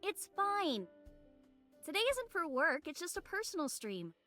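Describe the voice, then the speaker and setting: A bubbly young idol girl, played by a woman, chirps in a very high, bright voice with a singsong, playful manner. Her pitch bounces all over, and faint game music sits underneath. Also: very animated, measured pace, heavily acted.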